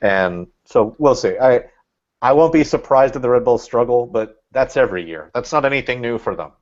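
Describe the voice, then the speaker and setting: A man's voice: medium pitch, animated, normal speed. A man talking as a podcast guest in casual chat, rambling and thinking aloud with lots of fillers. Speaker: guest, Red Bulls fan. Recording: dull lo-fi sound.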